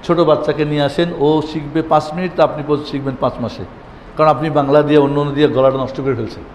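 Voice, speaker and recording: A man, leading a Quran lesson. He chants the Arabic letter names loudly so his listeners can repeat them. His voice rings around a reverberant hall over faint background ambience. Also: on the high side, fairly even intonation, fast talker, slight background noise. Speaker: Quran teacher.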